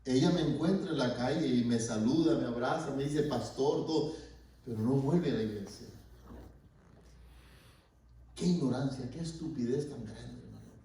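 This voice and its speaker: Man, pastor preaching, storytelling, loud then hushed, mellow tone, echoey church hall from far off. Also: medium pitch, moderate pace, pauses often. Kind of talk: sermon. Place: church sanctuary.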